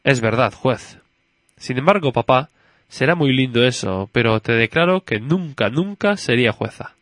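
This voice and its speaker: A man's voice: mid-range voice, expressive, moderate pace, fairly bright tone, dry recording, close to an everyday voice. A man reading a story aloud and voicing a curious, chatty little girl who keeps questioning her father. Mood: innocent curious.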